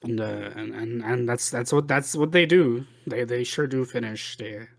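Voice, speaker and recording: A man's voice: medium pitch, normal speed, gravelly. A man co-hosting a podcast in casual chat, rambling and repeating words as he thinks aloud. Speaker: podcast co-host.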